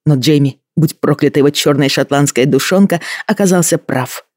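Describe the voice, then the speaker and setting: A man reading a novel aloud as scripted first-person narration, in a measured, even manner. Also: a little high, no room sound, studio quality. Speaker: audiobook narrator.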